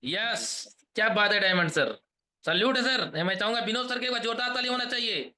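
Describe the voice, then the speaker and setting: A man in his thirties giving an energetic sales pep talk on a video call, rousing the audience with questions and chants. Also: high-pitched, fairly quick. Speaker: motivational trainer.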